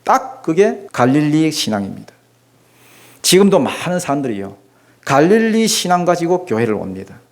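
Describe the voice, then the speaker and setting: A man with a Gyeongsang accent preaches from a church pulpit, pressing his listeners with rhetorical questions and homely asides. His voice sits somewhat high, and its pitch leaps and falls with marked liveliness. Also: very animated, moderate pace. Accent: Gyeongsang Korean. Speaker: pastor. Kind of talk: sermon. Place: church sanctuary.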